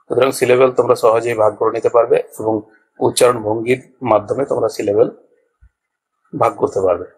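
A man's voice: medium pitch, fairly even intonation, fairly quick, darkish tone, husky, poor audio. A man teaching a basic grammar lesson, patient and explaining each point step by step with small checks to his students. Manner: patient, repeats points with checks like "all right". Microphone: small clip-on mic.

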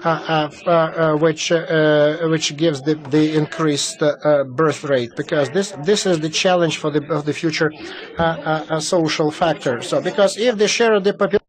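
A man giving simultaneous interpretation at a panel discussion, halting, with many fillers and restarts. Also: on the high side, fairly even intonation, poor audio. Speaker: conference interpreter.

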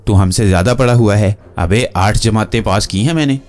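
A man voicing a gruff, bullying middle-aged jailer who sneers and threatens. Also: on the low side, normal speed, darkish tone, natural voice. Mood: scornful bully.

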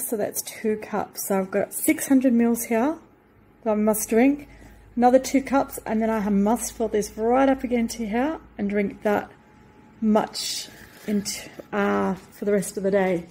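In her home kitchen, a woman vlogs casually into a handheld phone camera, rambling with lots of fillers. Her voice sits on the high side, mellow and husky, a little slow with fairly even intonation.

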